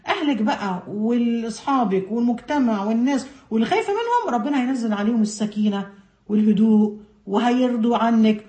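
A woman's voice: on the high side, lively intonation, fast talker, mellow. A woman with an Egyptian accent giving a religious lesson, speaking earnestly and directly to her women listeners. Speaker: religious teacher. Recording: roomy echo.

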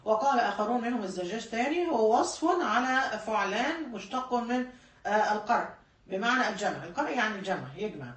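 Fast-talking Egyptian woman lecturing. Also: fairly high pitch, expressive, echoey room, far from the mic. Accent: Egyptian Arabic. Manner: explains patiently, repeats key points, self-corrects mid-word. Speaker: religious studies teacher. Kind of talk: classroom lecture.

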